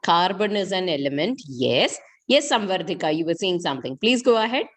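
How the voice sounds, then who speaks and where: A middle-aged Indian-accented woman teaches chemistry in an interactive online school lesson, asking questions and repeating key points. Her voice sits on the low side, sing-song and a little fast.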